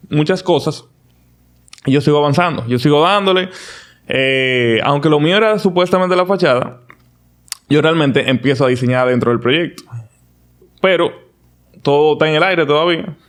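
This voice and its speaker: A man sits as a podcast guest and tells his story in a loose, conversational way. His voice sits a little higher than most men's. He speaks with animated confidence and often restarts his sentences. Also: moderate pace, long pauses. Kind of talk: casual storytelling interview.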